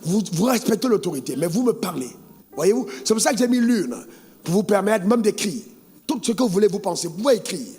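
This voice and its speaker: A man from Côte d'Ivoire, preaching a sermon as pastor, with sing-song rises and bursts of shouting. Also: high-pitched, very animated, fairly quick, husky.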